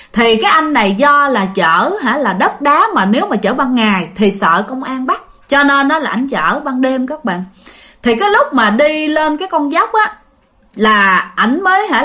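A woman's voice: sits high, sharp tone. A woman with a Southern Vietnamese accent casually telling a ghost story, chatting to listeners with fillers and repeats.

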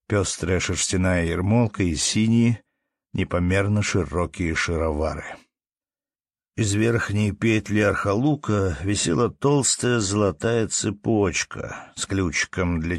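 A man narrating a classic story as an audiobook in a slow, measured way. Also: low-pitched, dry recording, studio quality.

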